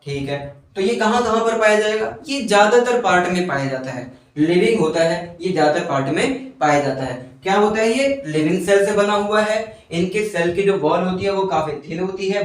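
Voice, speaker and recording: A male teacher giving a classroom lecture, dictating definitions word by word and often asking students if it is clear. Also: high-pitched, far from the mic. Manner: keeps checking in with students. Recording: very echoey room, voice from off-mic.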